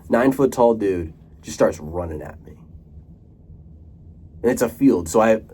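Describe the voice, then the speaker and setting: A man's voice: on the low side, expressive, measured pace, mellow, husky. A young man talking casually to camera in a rambling monologue, full of fillers, restarts and casual swearing. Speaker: vlogger.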